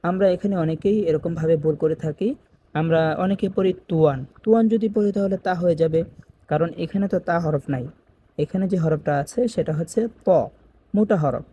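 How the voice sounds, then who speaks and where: A man teaching Quran reading, spelling out letters slowly and repeating each word for beginners. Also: fairly high pitch, warm tone, slightly rough, highs cut off. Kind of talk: step-by-step spelling lesson.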